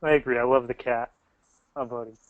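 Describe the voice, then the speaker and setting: A man's voice: medium pitch, fairly even intonation, fairly quick. A man hosting a show over a video call, teasing his guests in a joking way. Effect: heard over a video call. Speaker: show host. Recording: dry, muffled video call audio.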